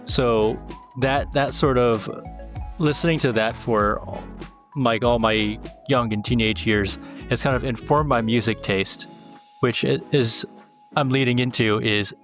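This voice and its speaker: Guest spot: relaxed man from Florida, average pitch, loose conversational delivery. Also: a little slow, soft background music. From United States (Florida). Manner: easygoing, laughs often, rambling with restarts. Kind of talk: casual conversation.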